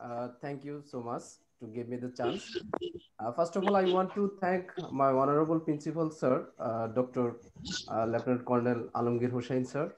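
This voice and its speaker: A man from Bangladesh, an English lecturer, giving a speech at a school parents' meeting, slow and halting in English with many "uh"s and quicker in his own language. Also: medium pitch, background noise.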